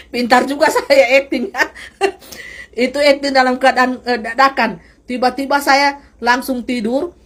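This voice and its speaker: A young woman gives a lively church testimony to a congregation. She laughs often and acts out the voices of the people in her story. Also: high voice, takes it slowly, long pauses. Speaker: testimony speaker.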